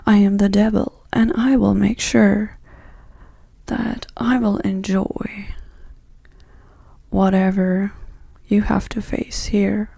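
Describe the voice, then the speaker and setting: A woman voicing a cruel, mocking devil in Hell in an ASMR role-play, with a demonic, taunting soft voice. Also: mid-range voice, creaky, breathy edge, no echo, exaggerated voice. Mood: menacing. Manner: demonic soft voice, slow, taunting, foul-mouthed.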